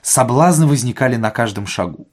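A man narrating a humorous novel for an audiobook, expressive and lively. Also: medium pitch, a little fast.

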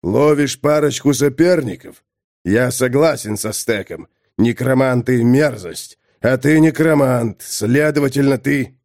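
A man's voice: mid-range voice, unhurried, a little mellow, dry recording, studio quality, lightly acted. A man reading an audiobook, voicing a proud, hot-tempered male swordsman who talks through gritted teeth. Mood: angry.

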